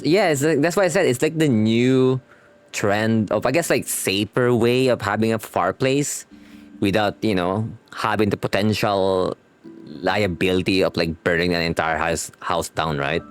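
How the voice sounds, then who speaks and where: A male streamer with a smooth, lowish voice reacts casually and live to a game's story. He chats in slangy asides and reads on-screen text out loud while the game music plays.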